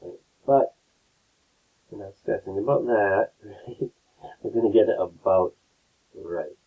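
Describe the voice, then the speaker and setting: A low, gravelly male voice walks students through a painting demonstration in a relaxed, step-by-step way, often tagging his points with a quick question. The sound is a thin, low-quality stream that sounds like it is coming through a phone line. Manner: relaxed, explains step by step, keeps checking in with "right?". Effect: low-quality, tinny stream audio. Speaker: art teacher.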